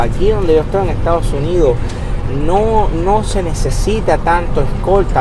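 A man's voice: on the high side, noisy background. A middle-aged man, a martial arts instructor, explains his views in an earnest voice-over and often repeats words while he thinks. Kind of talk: voice-over commentary. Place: in the United States. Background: music.

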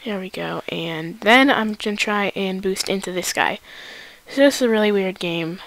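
A woman hosts a gaming video with live commentary on her play. She comes across as an excitable, easily panicked gamer with a mid-range voice. The sound is dry, with very little room echo. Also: mid-range voice, normal speed.

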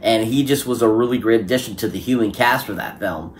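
A man's voice: on the low side, brisk, slight background noise. A man giving a casual spoken film review, enthusiastic and rambling, with many fillers and restarts. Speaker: movie reviewer.

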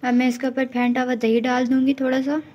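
A woman hosting her home cooking channel, explaining each step in a steady voice-over. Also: high-pitched, fairly quick, muffled recording. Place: home kitchen.

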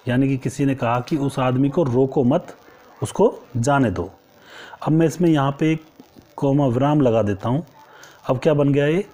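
A man's voice: mid-range voice, mellow. A male teacher giving an exam-prep lecture, asking rhetorical questions and answering them himself, and repeating key phrases for emphasis.

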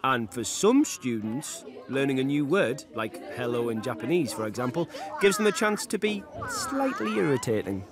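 A man giving wry, gently teasing scripted documentary narration. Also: medium pitch, sing-song, moderate pace, crowd noise. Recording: voice-over under loud background music.

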